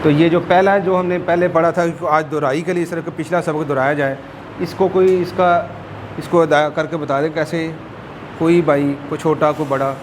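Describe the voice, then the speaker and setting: A man teaching a Quran class, drilling Arabic letter sounds by repeating them slowly. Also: on the high side, steady tone, a little hiss or hum, low-quality recording.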